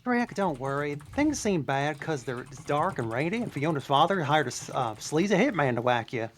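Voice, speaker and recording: A performer reading a chatty, anxious male donkey sidekick at a table read, fast and fretful. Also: medium pitch, very animated, a little hiss or hum, natural voice. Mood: rambling.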